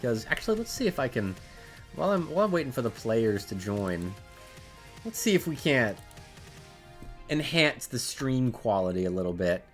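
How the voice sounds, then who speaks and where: A man's voice: mid-range voice, very animated, moderate pace, long pauses, faint music behind. Nasal, stuffy man casting a stream. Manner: chatty, rambling, frequent restarts. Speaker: esports caster streaming a match. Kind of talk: casual stream commentary. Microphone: desk microphone at a home streaming setup.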